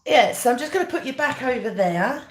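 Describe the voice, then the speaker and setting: Casting: British woman, higher-pitched voice, chatty mukbang host talking while eating, recorded in an echoey room. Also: expressive, normal speed. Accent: British English. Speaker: livestream host. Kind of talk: casual live chat over a meal.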